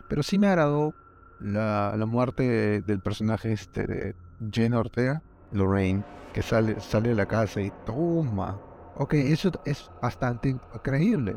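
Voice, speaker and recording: A man in a casual film chat, animated and jokey, acting out little quotes. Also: medium pitch, gravelly, a little hiss or hum.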